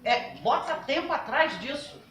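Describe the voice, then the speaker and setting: Woman council member giving a loud emphatic talk, bright forceful voice, lots of "right?" questions, echoey room, mic far off. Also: sits high, sing-song, unhurried, slight background noise. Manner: emphatic, with rhetorical questions and tag "tá?"; speaks loudly and forcefully. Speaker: national health council member. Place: workshop meeting room. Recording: roomy, from a distance.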